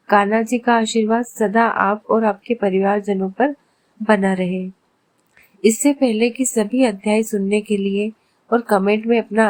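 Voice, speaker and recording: A woman calmly and reverently narrating a devotional religious story. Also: medium pitch, no room sound.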